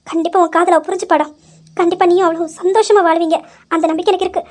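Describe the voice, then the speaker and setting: A woman's voice: very high voice, steady tone, very fast, darkish tone. A woman voicing a loving middle-aged mother who soothes and reassures her crying son in an audio drama. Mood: reassuring. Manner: soothing, pleading. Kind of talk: amateur audio drama acting.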